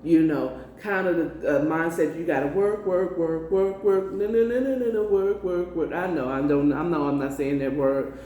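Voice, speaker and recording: This tarot reader is a woman from the United States whose deep, mellow voice moves at a moderate pace. She gives an easygoing spiritual reading, pressing her points with emphasis, saying things twice, and tossing in frequent check-in tags, all captured on a far-off mic in a roomy room with slight noise.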